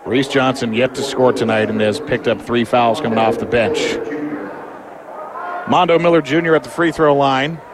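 A man's voice: medium pitch, normal speed, a crowd in the background. A man giving live play-by-play commentary on a basketball game. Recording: clear background noise of the game.

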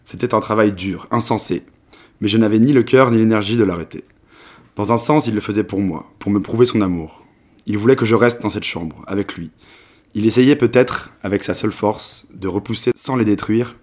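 Man in his late twenties, low-pitched, measured expressive literary reading. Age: 20s. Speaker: reader.

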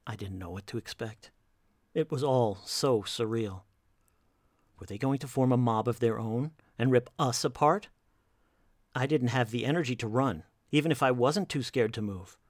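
A male narrator reads a horror story slowly and carefully, often dropping to a hush. His voice sits at an ordinary pitch, and the recording is dry and close, with no room sound. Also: no echo.

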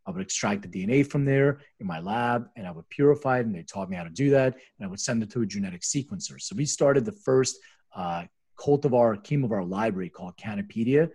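Here the Lithuanian-born Philadelphian, a middle-aged American who founded a medicinal cannabis company, talks fast and animatedly in a lowish, darkish, slightly rough voice. As a podcast guest, he recounts his story conversationally, rambling and explaining as he goes.

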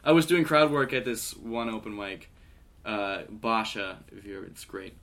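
A man's voice: on the low side, steady tone, normal speed, a bit bright. A young man in his twenties, a podcast guest, talking casually in a rambling, upbeat way with lots of restarts. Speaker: podcast guest, comic and musician. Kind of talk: casual conversation.

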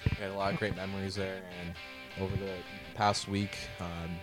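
Low-voiced young man teasing his co-host. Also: level tone, moderate pace, over loud music. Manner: teasing, gives playful orders, swears. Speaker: podcast co-host. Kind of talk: casual chat.

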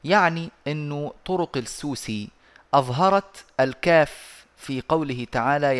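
Man teaching a recitation lesson, measured. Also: medium pitch. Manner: measured, many pauses and fillers, chants quoted verses. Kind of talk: online lesson explanation. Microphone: online voice call.

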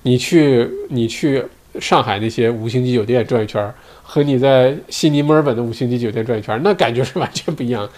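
A man's voice: medium pitch, quick pace, hardly any pauses, a little mellow. Chatty man hosting a solo talk show. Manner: chatty, rambling, many fillers and tag questions. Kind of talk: casual commentary monologue.

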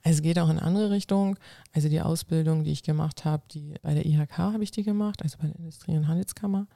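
A gravelly-voiced woman from North Frisia in northern Germany, whose first language is Low German, gives casual interview answers as a guest who works as a coach and civil servant. Her voice is low and mellow, her pace quick, and she's earnest, explaining at length with restarts. The recording is dry with a clean studio sound.

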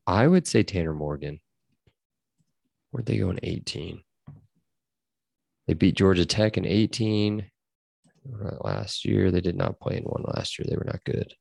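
A man's voice: sits low, vocal fry, a little mellow, dry recording, studio quality. A man co-hosting a sports podcast in casual chat, laid-back and rambling, laughing often. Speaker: podcast co-host.

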